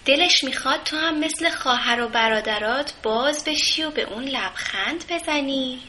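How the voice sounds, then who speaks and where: A woman voicing a kind, motherly rose bush that gently coaxes and advises a timid bud. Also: sits high, background noise, pitched above the performer's own voice, natural voice. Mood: coaxing.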